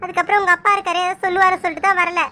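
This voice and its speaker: A woman's voice: very high-pitched, level tone, pushed and bright, a little hiss or hum. Kausalya, an outspoken village girl, voiced by a woman. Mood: indignant. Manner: quick, scolding, indignant.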